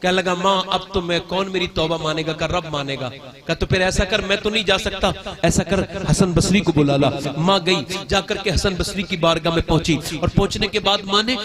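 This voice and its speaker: A man preaching an emotional sermon at a religious gathering, telling a story softly and then shouting appeals to the crowd. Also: sits high, normal speed.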